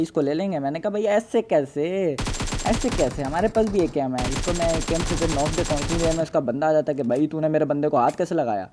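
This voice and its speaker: Joking gamer, mellow voice. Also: male voice, fairly high pitch. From Pakistan. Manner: casual, joking, playful storytelling. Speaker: gaming YouTuber. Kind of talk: gameplay voice-over commentary.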